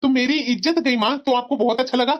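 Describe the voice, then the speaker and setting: A woman plays a quick-tempered young husband in a cartoon story, snapping and grumbling at his mother and wife. The voice sits high for a man. The recording sounds dull and muffled. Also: natural voice. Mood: angry. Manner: snapping, complaining. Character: irritable young husband, short-tempered son.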